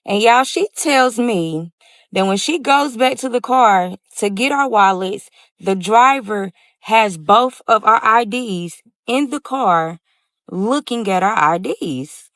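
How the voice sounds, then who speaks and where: A woman's voice: on the high side, lively intonation, takes it slowly, a bit bright, no echo. A woman telling her own story in the first person, casually and often calling her listeners "y'all".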